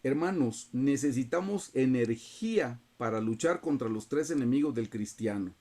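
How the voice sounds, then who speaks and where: A man's voice: mid-range voice, expressive, moderate pace, dark tone. A man teaching a Bible study over a video call, earnestly and often turning to his listeners as brothers.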